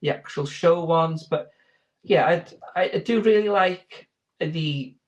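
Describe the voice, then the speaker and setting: A man's voice: a little high, slow. A man giving informal interview answers as a sheepdog handler, explaining in a hesitant, rambling way.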